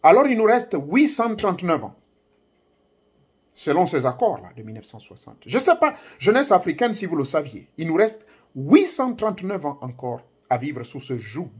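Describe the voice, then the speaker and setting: A man whose first language is Ngomienne delivers an impassioned political address in French to camera, aimed at African youth. His husky, higher-pitched voice is very animated at normal speed, emphatic and declamatory, with rising bursts on key words.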